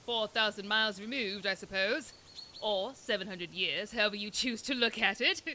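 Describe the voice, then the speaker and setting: A woman's voice: mid-range voice, moderate pace, sharp tone, slight background noise, natural voice. A woman voicing a haughty, eccentric detective Holmes in a comedy audio drama, dry, arrogant and prone to giggling. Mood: wry.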